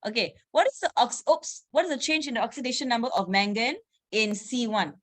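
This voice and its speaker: A woman chemistry teacher running an online revision class, quizzing students briskly and saying "okay" often. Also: a little high, animated.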